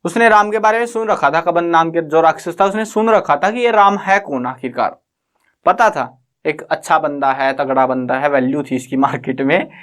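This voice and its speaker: A man's voice: a little high, normal speed, a bit bright. A man teaching a class lesson, retelling the story in a chatty way with casual asides.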